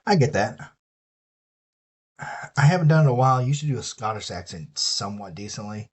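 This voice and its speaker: A man's voice: mid-range voice, animated, fairly quick, breathy edge. A man with a Southern US accent chatting casually and swearing freely while he builds an electronics kit on a live stream.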